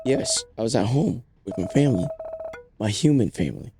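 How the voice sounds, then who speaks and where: A man's voice: mid-range voice, expressive, brisk, over music, natural voice. A man doing a sweet loyal pet dog. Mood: earnest.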